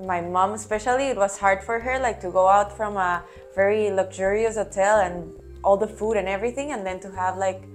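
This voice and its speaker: A woman's voice: medium pitch, fairly quick, hardly any pauses, faint music behind. A woman in her twenties from Argentina and Costa Rica, chatting casually with many fillers in an office on a lapel mic. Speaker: interviewee. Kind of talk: casual opinion sharing. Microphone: clip-on lapel mic.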